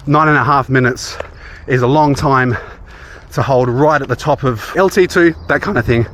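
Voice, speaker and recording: A man's voice: medium pitch, moderate pace, fairly bright tone. An Australian man chatting casually in a running vlog, recorded outdoors. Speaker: running vlogger. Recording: clear outdoor background noise.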